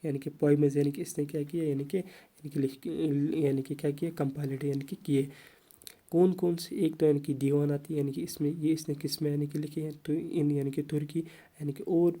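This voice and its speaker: A man giving an exam-prep history lesson in a very dark, mellow voice pitched a little high. He keeps asking questions aloud and answering them himself, leaning on the same filler phrase. He reads English notes slowly, then explains them in Urdu. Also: flat delivery. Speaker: teacher.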